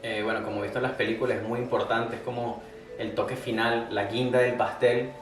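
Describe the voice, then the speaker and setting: A Venezuelan man with a Venezuelan Spanish accent, chatting casually as a vlogger in a relaxed, rambling way. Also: mid-range voice, brisk, roomy sound. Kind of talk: casual chat.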